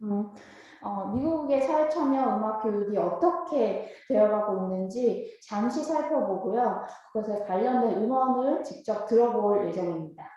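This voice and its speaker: Echoey, mellow woman interpreting a lecture. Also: mid-range voice, animated, moderate pace, highs cut off. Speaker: host and interpreter. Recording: very echoey room.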